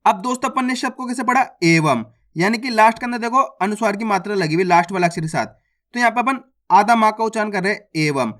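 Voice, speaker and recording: A reading teacher who sounds out words syllable by syllable, then says each whole, and checks with viewers that it is clear. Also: medium pitch, lively intonation, quick pace, fairly bright tone. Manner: addresses viewers as friends, asks if it is clear. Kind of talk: slow word-by-word reading lesson.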